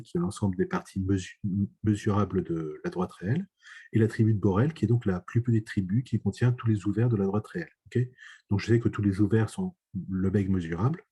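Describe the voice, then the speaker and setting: Male math teacher, low dark husky voice, halting lecture delivery with constant "d'accord?" checks. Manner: hesitant, many fillers and checks for understanding. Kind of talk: online lecture.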